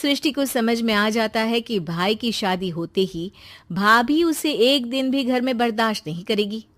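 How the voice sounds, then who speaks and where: A woman's voice: a little high, a little slow, fairly bright tone, a little hiss or hum. A woman narrating a scripted moral story.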